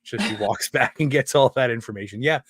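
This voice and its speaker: A man guesting on a comics talk show, telling relaxed stories in casual chat and acting out the voices of people he quotes. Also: mid-range voice, brisk.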